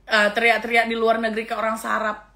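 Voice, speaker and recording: A woman's voice: fairly high pitch, completely flat delivery, fast talker, bright, forceful tone. A middle-aged woman vlogger ranting casually and scornfully, with frequent exclamations of disgust. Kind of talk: casual reaction rant.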